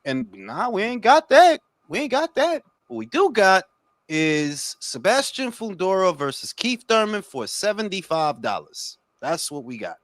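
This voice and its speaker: This Dominican boxing talk show host keeps things casual, swearing in emphatic slang and saying things twice to drive them home. His voice sits high and sounds sing-song, a little slow and fairly bright, recorded dry.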